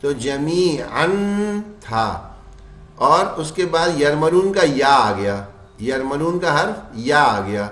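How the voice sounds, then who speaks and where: Guy teaching quran recitation, slow, asks his class then answers himself, echoey room. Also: fairly high pitch, fairly bright tone. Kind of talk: tajweed lesson explaining rules, chanting example verses.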